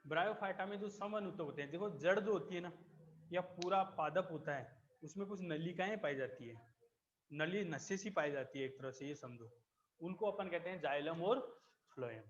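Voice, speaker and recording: A man teaching a biology class, explaining slowly, repeating key terms and checking that students follow. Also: a little high, muffled recording. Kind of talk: classroom lecture.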